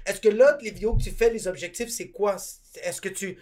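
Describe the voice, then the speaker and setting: A young man with a Québécois accent asks long, rambling questions, padding them with fillers as he goes. His voice is pitched noticeably high for a man, and the talk stays casual between friends. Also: a little fast, darkish tone. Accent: Québécois French. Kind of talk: casual chat.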